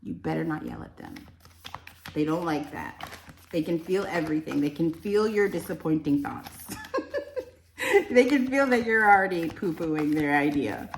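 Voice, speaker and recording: A woman's voice: lowish voice, creaky, a little mellow, roomy sound, slight background noise. A woman giving a casual, rambling spiritual card reading, chatty and enthusiastic. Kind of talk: casual tarot-style reading.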